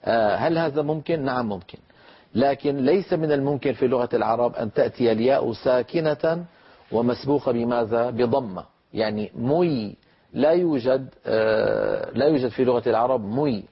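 A man teaching Quran recitation, explaining letter sounds, asking rhetorical questions and drawing out example sounds slowly. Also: medium pitch, slightly rough. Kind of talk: lecture on letter pronunciation. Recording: dull lo-fi recording.

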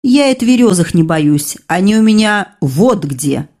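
A woman voicing a sturdy, blunt working woman who talks in a brisk, earthy, scolding way. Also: mid-range voice, expressive, darkish tone. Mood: plainspoken.

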